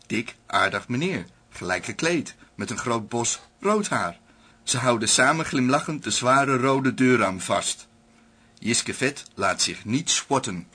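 A man narrating a screenplay aloud in a calm, measured reading, including stage directions. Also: medium pitch, slightly rough.

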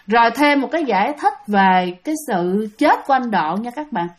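A woman's voice: a little high, lively intonation, brisk. A woman narrating a ghost story in a chatty way, talking straight to her listeners. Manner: chatty, addresses listeners directly.

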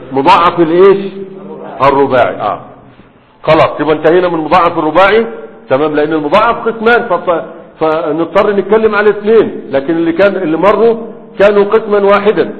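A man's voice: sits high, fast. A man with an Egyptian Arabic accent teaching grammar in a classroom lecture, often quizzing his students with "right?" and "what?". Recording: phone-like, with a long hall reverb.

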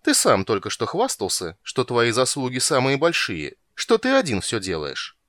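A man reading a story aloud and voicing an irritable, blustering male sea king who shouts and grumbles. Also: mid-range voice, huge pitch swings, moderate pace, no echo, clean studio sound. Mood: grumbling menace. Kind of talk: audiobook reading.

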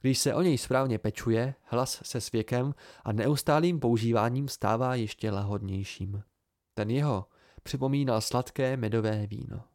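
A man reads an amateur audiobook in the first person, measured and plain. His voice is mid-pitched for a man. The recording is close and completely dry. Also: a little mellow, dry recording. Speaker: audiobook narrator.

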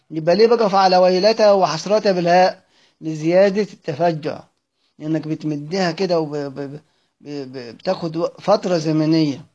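A man's voice: high-pitched, a little mellow. A man with an Egyptian accent teaching a class, reading from a text and explaining each point step by step, asking questions and answering them himself. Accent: Egyptian Arabic. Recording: muffled lo-fi recording.

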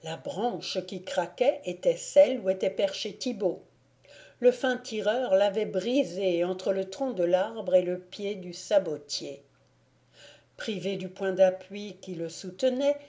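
A woman reads a classic novel aloud in a calm, measured narration. Her pace is slow and unhurried, and her tone is mellow and warm. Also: medium pitch. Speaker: audiobook reader. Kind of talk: audiobook narration.

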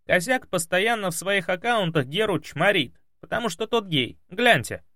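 A man's voice: high-pitched, expressive, moderate pace, bright, forceful tone, no room sound, clean studio sound, pitched above the performer's own voice. A man reading aloud as a chatty, cheeky young male student of about twenty. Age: 20s.

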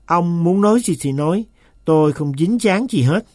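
A man's voice: a little high, animated, moderate pace, darkish tone, no room sound, close to an everyday voice. A sullen manservant answers back here, as a man reads him aloud. He denies everything in a stubborn, grudging way. The sound is dry and close, like a storybook read at the mic. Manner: stubborn, insistent denials. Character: sullen, evasive male manservant.

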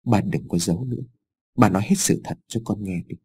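A man voicing a weary, stern grown son who speaks quietly and firmly in an audiobook story. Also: lowish voice, brisk, husky, voice pushed down. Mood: weary firmness.

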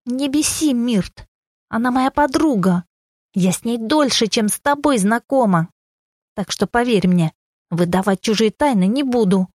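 A woman's voice: medium pitch, normal speed, mellow, no echo, clean studio sound, close to an everyday voice. A woman voicing a playful young woman who teases her friends and flares up when pushed. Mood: angry. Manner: teasing and wheedling, flaring into anger. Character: sleepy playful young woman with a fiery temper.

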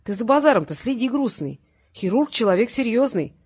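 A cocky, mocking male tough guy, put on by a woman narrator in an audiobook. His voice sits high and loud above her usual reading and bounces around as he makes cheerful threats. There is a husky edge to it. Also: sing-song, fairly quick, exaggerated voice.

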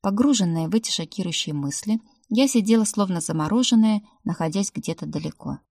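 A woman narrating a first-person audiobook in a calm, even storytelling manner. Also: mid-range voice, fairly quick, gravelly, dry recording, studio quality.

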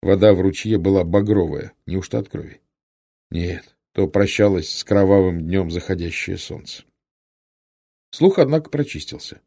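A man reading a historical novel aloud in steady, measured narration. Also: low-pitched, gravelly. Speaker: audiobook narrator. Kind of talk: scripted narration.

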